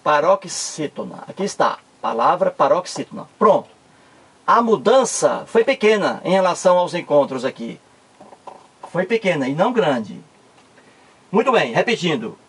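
A man's voice: fairly high pitch, sing-song, normal speed, a bit bright, breathy edge. A man with a Cearense accent from northeastern Brazil, explaining a grammar lesson with lots of emphatic repetition. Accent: Cearense Brazilian Portuguese. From Ceará, Brazil. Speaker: teacher.

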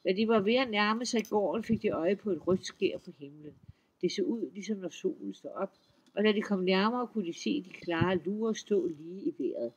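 A man reading a folk tale aloud in a lively, expressive storytelling manner. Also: high-pitched, breathy edge, dull audio.

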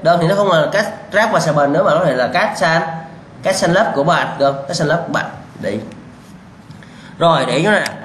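A man's voice: a little high, a little fast, a bit bright. A male lecturer drilling students with rhetorical questions, repeating key answers and bluntly warning them about mistakes. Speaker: civil engineering lecturer. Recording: echoey room with faint background hum.

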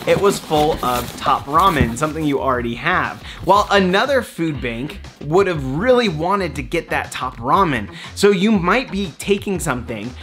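Man in his 30s, economics explainer, casual and conversational, slightly high-pitched, faint music under the voice. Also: expressive, moderate pace, hardly any pauses, a bit bright. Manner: conversational, explains step by step with hand gestures. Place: small home office with bookshelves.

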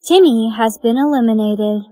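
A woman playing a sinister, calm school principal making intercom announcements and singing lullabies in a video skit. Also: on the high side, normal speed, dry recording, voice pushed down, natural voice. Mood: eerily calm. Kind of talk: acted short social video skit.

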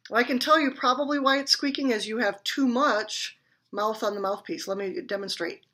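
Lady teaching clarinet, bright clear voice, chatty and friendly, laughs at herself. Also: a little high, normal speed. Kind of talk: instructional demonstration.

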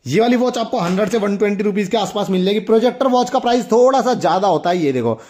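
Talking fast and expressively, with a slightly mellow high voice, a young man reviews toys for viewers in a casual way. He is enthusiastic, exclaims often, and repeats himself while demonstrating.

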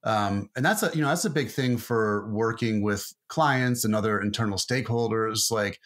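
A marketing guest on a podcast talks loosely and rambles, full of fillers and restarts in this casual interview. His voice is on the low side with a fairly bright tone, at a moderate pace.

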